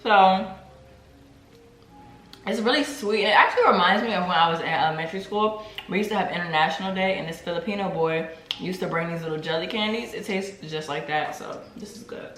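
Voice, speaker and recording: A woman's voice: lowish voice, fairly quick, fairly bright tone. A young adult woman hosting her own vlog, chatting casually and laughing while she eats. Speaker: vlogger host. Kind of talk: casual chat while eating. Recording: roomy home recording.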